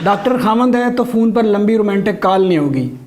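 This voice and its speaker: A man with a high, slightly mellow voice and lively intonation tells jokes fairly quickly in a stand-up monologue. He keeps his delivery dry as the audience laughs, all in a noisy recording.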